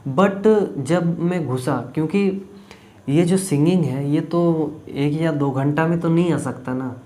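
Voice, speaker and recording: This clip features a young male vlogger from Jharkhand, India, chatting loosely to camera about an audition and filling gaps with frequent fillers. His slightly high, mellow voice moves slowly.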